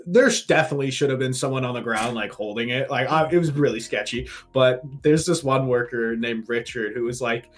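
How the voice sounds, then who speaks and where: Fast-talking young man telling a story. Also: medium pitch. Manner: animated storyteller, swears freely. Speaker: podcast co-host. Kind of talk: casual podcast chat.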